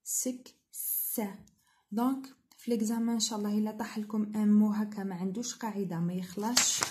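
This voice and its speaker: A woman English teacher with an Algerian accent, going through pronunciation exercises, drawing out model words slowly between quick asides. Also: medium pitch, steady tone, a little mellow, a little hiss or hum. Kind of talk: spoken exercise walkthrough.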